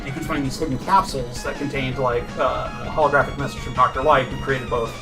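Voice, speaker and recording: A man's voice: mid-range voice, fast talker. A man chatting casually as a guest about his favorite video games, joking and self-deprecating. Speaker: co-host guest. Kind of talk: casual chat. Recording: distant mic with background music.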